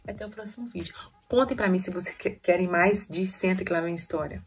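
A woman's voice: fairly low pitch, fast talker, far from the mic, very noisy. A young mother, emotionally retelling her story in a casual vlog and acting out what people said to her. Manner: emotional, lively retelling that acts out quoted dialogue. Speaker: vlogger, first-time mother.

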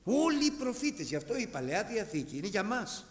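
A middle-aged man preaches a fervent sermon in a high voice that leaps all over the scale. The sound carries a long hall reverb behind him. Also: sing-song. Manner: impassioned, swings between shouting and quiet asides.

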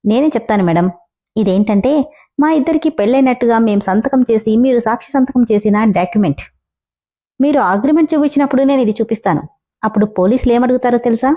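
A woman's voice: a little high, quick pace, dull audio, close to an everyday voice. Woman reading as a cocky scheming young man. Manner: calm, teasing, self-assured. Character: confident scheming young man, mocking and cool.

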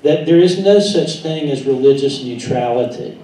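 A man with a Southern US accent, a pastor speaking at a meeting, halting and self-deprecating with many fillers. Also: medium pitch, mellow. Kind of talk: speech at a meeting. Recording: echoey room, distant mic, faint noise.

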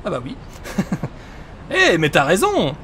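A man's voice: high voice, huge pitch swings, slow pace, fairly bright tone, slight background noise. A man giving casual video game commentary as a let's play host. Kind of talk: casual game commentary and reading dialogue aloud.

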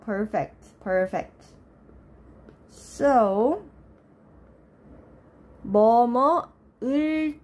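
A young woman hosts a live language class from her desk, pitched a little high but rough and low this morning because she just woke up. She keeps up a chatty running talk with the viewers, greeting them by name and laughing easily. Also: darkish tone. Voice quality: lower, rough voice from just waking up. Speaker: Korean language teacher. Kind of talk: live-streamed lesson with chat.

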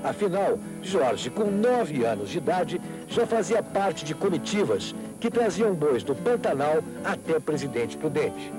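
A man's voice: a little high, poor audio. A man with a Brazilian accent reading scripted documentary narration as a TV reporter. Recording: clear music behind narration.

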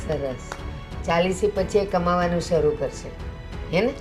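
A middle-aged woman playing a sensible mother who calmly lectures her daughter. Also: lowish voice, unhurried, music in the background, natural voice. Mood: lecturing. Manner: calm, lecturing.

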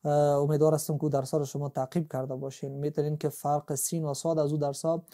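A man's voice: fairly high pitch, level tone, warm tone. A man, explaining a tajweed lesson as a Quran recitation teacher, patient and step by step.

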